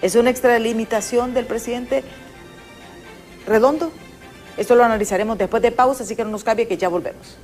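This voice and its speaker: A woman's voice: fairly high pitch, brisk, pauses often, a little mellow, soft background music. An older Honduran woman hosting a political talk show, speaking emphatically and giving firm opinions. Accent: Honduran Spanish. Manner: emphatic, opinionated, addresses viewers directly. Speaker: host.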